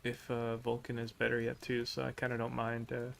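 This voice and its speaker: Flat, gravelly-voiced man. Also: medium pitch, brisk, crowd noise, poor audio. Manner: hesitant, filler-heavy, laughs often. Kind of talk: casual chat among people sculpting in Blender.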